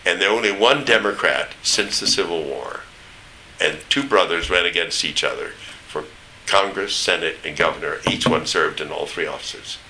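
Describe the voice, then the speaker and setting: Deep-voiced older man, standard American accent. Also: moderate pace, sharp tone, slight background noise, rough recording. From East Tennessee, United States. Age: older, 70s or above. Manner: rambling, anecdotal, searching for names. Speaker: interviewee recounting memories. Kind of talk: oral history reminiscence.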